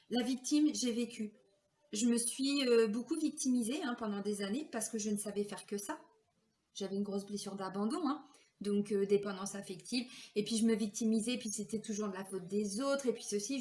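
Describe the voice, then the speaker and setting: In a fairly high, slightly mellow voice, a woman who vlogs and reads cards recounts something from her own life, chatting away with lots of filler words and now and then performing the voices of people she quotes. The recording sounds roomy, with a little hiss or hum.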